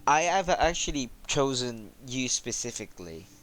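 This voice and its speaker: A man hosting a casual chat about developing a game, talking in a monotone with lots of halting fillers. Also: medium pitch, a little hiss or hum.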